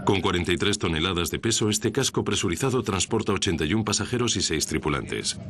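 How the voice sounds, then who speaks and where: Deep-voiced male documentary narrator. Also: expressive, fast. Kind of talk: scripted dramatic narration. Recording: prominent music behind narration.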